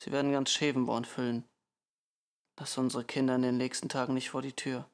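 Male reader doing a steady, grim audiobook father, low-key and gravelly. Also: a little fast, lightly acted. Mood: calm, grim. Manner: quiet, calm, turning sharp when exasperated. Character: calm weary father, middle-aged man.

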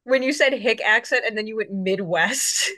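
A woman's voice: fairly high pitch, steady tone, fast talker, sharp tone. A woman co-hosting an anime rewatch show, chatting animatedly and tossing in fan trivia. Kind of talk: casual reaction chat.

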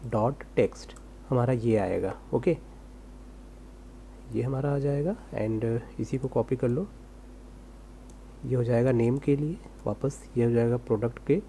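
Male coding tutor, relaxed mellow delivery, rhetorical self-questions as he types, light hum in the recording. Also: mid-range voice, vocal fry. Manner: casual, rhetorical self-questions, talks while typing. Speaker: programming tutor.

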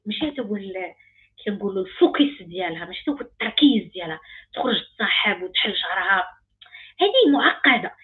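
Moroccan woman coach, rapid emphatic delivery, husky voice, phone-quality sound. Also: fairly high pitch. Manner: emphatic, repetitive, rising intensity. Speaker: life coach. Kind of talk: animated online talk.

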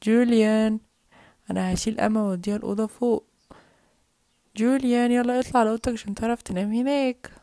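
Woman doing a calm Egyptian toy dad. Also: on the high side, fast, pauses often, dry recording, close to an everyday voice. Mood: coaxing. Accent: Egyptian Arabic. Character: gruff patient father figure.

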